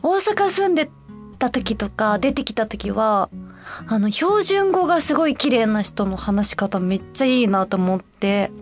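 A young woman from Osaka hosts a relaxed radio show in a high, light voice. She chats in a friendly way, drifting through soft fillers as she thinks aloud. Faint music plays quietly behind her. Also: unhurried. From Osaka, Japan. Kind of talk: casual radio chat, reading listener letters.

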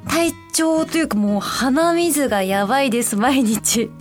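A young woman from Osaka, Japan, hosts a relaxed radio show, speaking a little slowly in a high, light voice. She chats warmly and reads listener letters, drifting through soft fillers as she thinks aloud, with faint music playing quietly behind her.

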